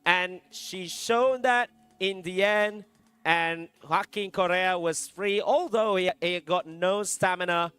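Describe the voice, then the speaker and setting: A man's voice: high voice, takes it slowly, fairly bright tone, clean tone, no room sound. A man giving live commentary and analysis on a football video game, emphatic and repeating phrases for effect. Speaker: esports match commentator.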